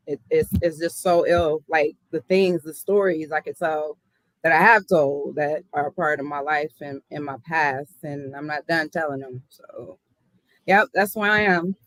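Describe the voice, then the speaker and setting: A woman's voice: low voice, no echo, rough recording. A woman from the South Side of Chicago, a hip hop artist telling her story in an earnest, reflective interview.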